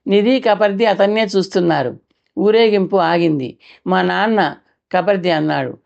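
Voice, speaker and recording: A woman narrating a novel as an audiobook reader, steady storytelling with small restarts. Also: mid-range voice, moderate pace, vocal fry, highs cut off.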